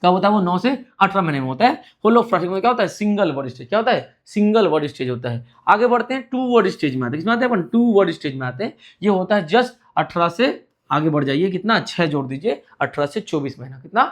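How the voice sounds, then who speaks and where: A man's voice: sits high, animated, quick pace. A male teacher giving an exam-prep lecture. He asks his students a question, answers it himself, and repeats the key points.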